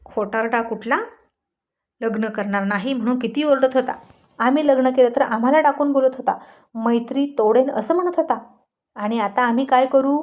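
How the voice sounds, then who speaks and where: A group of rowdy young men, voiced by a woman narrator in a spoken storybook. They sound reproachful and loud, in a fairly high voice. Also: moderate pace, lightly acted. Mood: accusing. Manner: shouting together, reproachful. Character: group of young male friends, accusing and rowdy.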